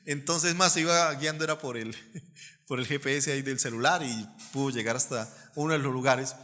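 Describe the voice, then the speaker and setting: A Colombian man preaching a sermon as pastor, animated and acting out the people in his stories. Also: mid-range voice, moderate pace, long reverb tail. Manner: animated, acts out quoted voices.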